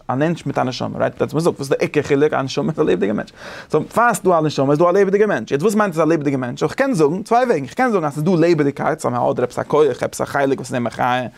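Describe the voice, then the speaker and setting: Male teacher, casual lesson, rapid gravelly delivery, animated, thinks aloud. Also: fairly high pitch.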